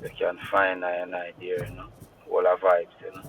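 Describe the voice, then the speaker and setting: A man's voice: sits low, monotone, fairly quick. A man with a Jamaican accent chatting casually in Rasta speech as a guest musician, with short affirmations. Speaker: guest musician promoting his work. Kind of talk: casual chat. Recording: distant mic with faint noise.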